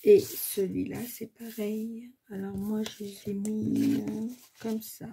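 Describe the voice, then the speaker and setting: Over music and through poor audio, a mid-range, gravelly female voice speaks slowly and flatly. She's a crafts tutorial host in her 40s to 60s, a grandmother nursing a slight cold, casually walking through a paper craft at her home workshop. She thinks out loud, chats freely, and drops "hop" and "voilà" often.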